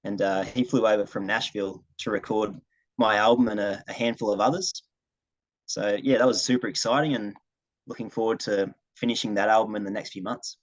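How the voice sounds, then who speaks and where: Speaking a little fast in a steady, fairly low voice, this young Australian singer-songwriter from regional New South Wales chats casually through interview questions on a video call. The low-quality recording comes from a dry room without any room sound.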